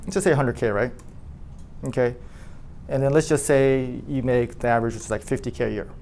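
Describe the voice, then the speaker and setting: Animated man telling his team a story. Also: mid-range voice, brisk, slight background noise. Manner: animated, asks the room questions, many "like" fillers. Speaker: insurance agency owner addressing his team.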